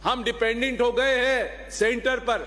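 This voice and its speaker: A man's voice: very high-pitched, fairly even intonation, measured pace, pushed and bright. A male legislator giving an argumentative floor speech in an assembly hall, posing rhetorical questions and mixing in English phrases. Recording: long reverb of a large hall.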